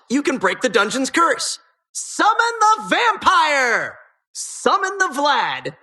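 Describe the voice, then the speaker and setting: These video game character lines come from a performer playing a sardonic, threatening dungeon host with dramatic, mock-cheery patter, delivered at a medium pitch in a pushed, bright voice.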